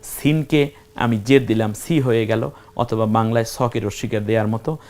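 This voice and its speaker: A man's voice: on the low side, steady tone, moderate pace, darkish tone. A man teaching Quran reading, asking questions and answering them himself while spelling out letters one at a time. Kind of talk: step-by-step recitation lesson.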